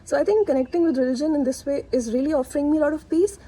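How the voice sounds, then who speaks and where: A young woman whose first language is Urdu talks candidly to camera as a vlogger, giving a casual reflective monologue full of fillers and asides. Her high-pitched, warm voice moves very fast, and the recording is rough.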